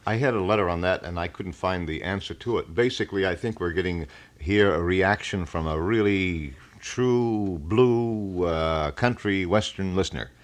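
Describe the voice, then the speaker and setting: Deep-voiced and moderately paced, a man chats casually on air from a radio studio, hosting a call-in program with the folksy, wordy announcer style of 1980 local radio.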